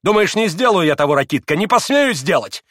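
A man voicing a proud, wild young woman who speaks in impassioned, shrill outbursts. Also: animated, measured pace, no room sound, clean studio sound. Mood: frenzied.

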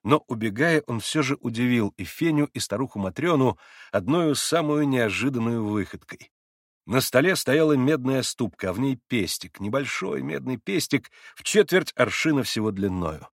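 A man reads a classic novel aloud in a measured, expressive way, with a mid-range voice. The recording is dry and close, on a studio mic with no room sound. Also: mid-range voice, no echo. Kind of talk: audiobook narration of a classic novel.

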